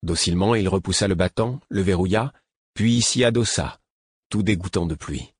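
A man narrating an audiobook in a calm, measured way. His voice is low with a husky texture. The recording is close and dry. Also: no echo.

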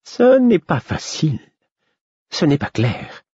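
A man's voice: fairly low pitch, very animated, a little slow, creaky, a little mellow, slightly rough, dry recording, voice pushed up, full character voice. A man voicing a bitter, half-hysterical male court jester who speaks hesitantly with bitter irony. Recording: dull lo-fi recording.

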